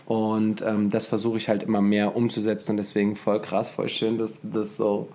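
A man's voice: on the low side, monotone, moderate pace, mellow, slight background noise. A man hosting a casual conversation, enthusiastic and slangy, talking in long rambling runs. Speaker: host.

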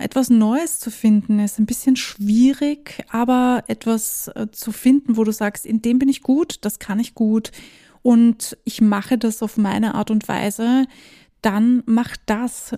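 In a slightly high, warm voice, a podcast host whose first language is German talks casually on her own show. She's chatty, laughs from time to time, and drops in some English phrases.

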